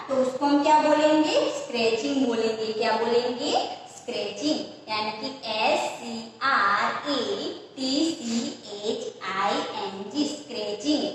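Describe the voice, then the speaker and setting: A woman's voice: sits high, slight background noise. A woman teacher with an Indian English accent, giving a vocabulary lesson and spelling words letter by letter, asking questions and answering them herself. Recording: echoey room, far from the mic.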